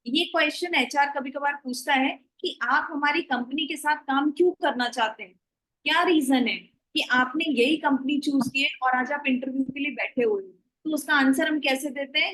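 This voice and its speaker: A woman's voice: high-pitched, a bit bright, low-quality recording. A woman teaching an online class, mixing Hindi and English as she explains and gives instructions.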